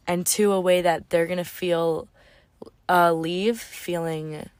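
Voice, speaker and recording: Earnest lower-voiced young woman co-host. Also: dry recording. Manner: earnest, thoughtful, agreeable. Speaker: podcast co-host. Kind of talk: casual podcast chat.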